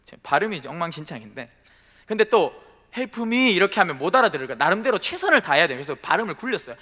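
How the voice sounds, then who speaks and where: A man's voice: a little high, very animated, racing, bright, forceful tone, in a large hall. A male pastor preaching a sermon in church, telling a personal story and addressing the congregation directly with emphasis. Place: church sanctuary.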